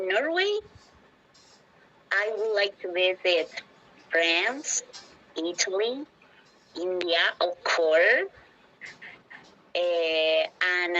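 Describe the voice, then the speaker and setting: A woman's voice: fairly low pitch, sharp tone. A woman practising English conversation, hesitant and searching for words with many fillers, over a video call. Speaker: English learner. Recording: dull lo-fi audio.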